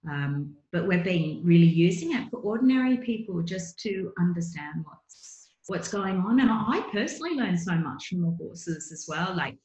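A woman's voice: fairly low pitch, expressive, normal speed, a little mellow. A middle-aged woman, a guest coach telling a personal story in an earnest, chatty way with many fillers. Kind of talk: casual interview storytelling. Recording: echoey room.

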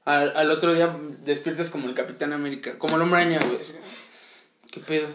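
A young man with a Mexican accent hosting a crude, joking chat and reading news out loud, laughing often. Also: a little high, fairly even intonation, quick pace, echoey room, a little hiss or hum. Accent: Mexican Spanish. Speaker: podcast host reading news.

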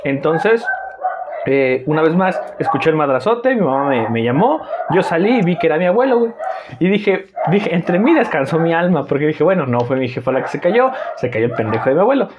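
Animated swearing Mexican young man. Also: a little high, a little fast, highs cut off, background noise. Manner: animated, swears a lot, repeats words. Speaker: podcast co-host. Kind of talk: casual storytelling chat.

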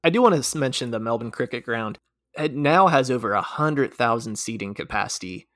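An American man co-hosting a casual talk show, leading the segments with lively, fact-filled explanation. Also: medium pitch, dry recording, clean studio sound. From United States. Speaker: podcast co-host.

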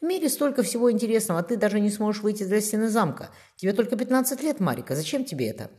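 A woman's voice: medium pitch, big pitch swings, rapid-fire, a little mellow, voice pushed up, natural voice. A woman voicing a bold teenage boy in an audiobook. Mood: scornful.

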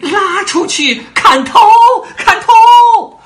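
A man's voice: a little high, very animated, very slow, sharp tone, voice pushed up, heavily acted. A man voicing the Queen of Hearts, a furious playing-card queen who shrieks and bellows orders in a storybook reading. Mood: furious shrieking. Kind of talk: storybook voice acting.

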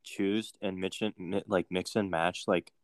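A young man with a fairly low voice rambles through a goofy question, stacking up "like"s. He sounds close and dry. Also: steady tone, measured pace, dry recording. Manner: rambling, filler-heavy, goofy. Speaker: podcast co-host. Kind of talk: casual chat.

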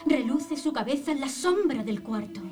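A curious, innocent young girl for a radio drama. Her voice is high and swings widely in pitch, and music plays clearly behind her. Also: expressive, moderate pace.

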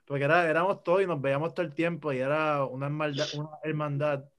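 Young Puerto Rican man, upbeat and playful guest, slightly high pitch. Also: steady tone, fast talker, fairly bright tone. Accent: Puerto Rican Spanish. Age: young adult. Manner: enthusiastic, teasing. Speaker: podcast guest. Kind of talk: casual chat.

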